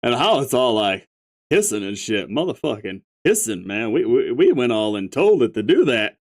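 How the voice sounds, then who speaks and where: This clip has a medium-pitched reader dropping below their natural voice to play a young male stoner clown troll from a webcomic. The character's slurred, clownish drawl swings widely in pitch at a moderate pace, with lazy swearing and wide-eyed wonder at everything.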